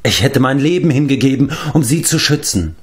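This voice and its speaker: A man's voice: mid-range voice, lively intonation, brisk, pitched above the performer's own voice, lightly acted. Man doing a loyal young pig-keeper lad, earnest and heartfelt, storybook reading. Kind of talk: audiobook reading.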